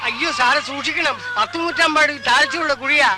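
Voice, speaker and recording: An actor playing an anxious servant warning about a deep pit in a film. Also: male voice, brisk, very noisy. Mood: worried. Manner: worried, cautious. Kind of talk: Malayalam film acting.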